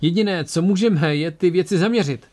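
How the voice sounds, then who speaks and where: A man's voice: sits high, a little mellow, voice pushed up. A man voicing a nervous, helpless ship doctor in an amateur audiobook reading. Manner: flustered, anxious.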